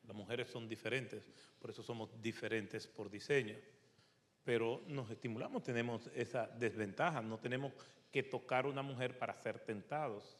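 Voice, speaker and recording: A man on a church panel giving a steady, preacherly answer to a question. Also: medium pitch. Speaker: panel speaker. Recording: long hall reverb.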